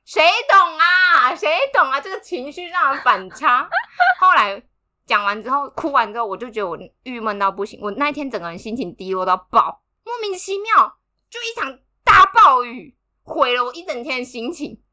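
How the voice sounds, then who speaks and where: A young woman, co-hosting a podcast and telling a story in an animated, dramatic way, laughing as she goes. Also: high-pitched, moderate pace. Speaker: podcast co-host. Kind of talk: casual storytelling chat.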